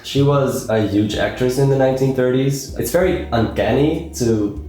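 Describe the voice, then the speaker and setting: A man's voice: mid-range voice, normal speed, mellow, soft background music. A young man casually talking about films, rambling with many fillers and repeated words. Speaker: film review vlogger. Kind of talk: casual film talk. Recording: very echoey room.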